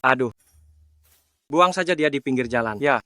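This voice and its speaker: A man's voice: mid-range voice, normal speed, bright, forceful tone, no room sound, studio quality, natural voice. An actor playing an exasperated, teasing young man, a loyal younger brother who grumbles, in a drama.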